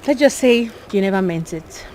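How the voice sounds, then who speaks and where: An actress with a Nigerian accent playing a friend who gently probes in a film drama. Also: female voice, medium pitch, animated, normal speed, a little hiss or hum, lightly acted. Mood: coaxing. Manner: probing, coaxing.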